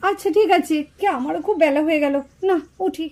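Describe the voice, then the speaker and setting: A woman's voice: very high-pitched, a little fast, a little mellow. A woman voicing a caring, bossy young housewife and mother in a puppet show, fussing over her family. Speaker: puppet show narrator and voice actor.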